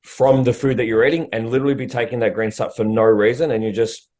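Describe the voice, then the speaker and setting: A blunt man co-hosting a fitness coaching podcast, speaking quickly in a casual, loose chat. He swears offhandedly and keeps a medium pitch. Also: little pitch movement, darkish tone. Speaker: prep coach podcast host.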